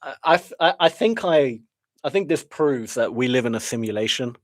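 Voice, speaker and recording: A man's voice: medium pitch, animated, moderate pace. A man giving live trading commentary to his viewers in a frustrated, self-deprecating way, sighing as he muses. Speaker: day trader streaming live.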